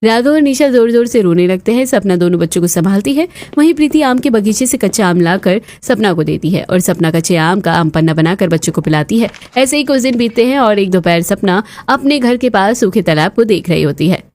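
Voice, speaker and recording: A woman narrating a cartoon story in a steady scripted telling. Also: mid-range voice, fairly quick, few pauses.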